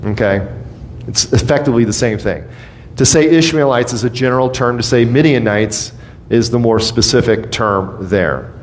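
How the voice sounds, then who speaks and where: Male pastor, mid-pitched, casual preaching that slips into playful quoted voices, faint low rumble behind. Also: normal speed. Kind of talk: sermon.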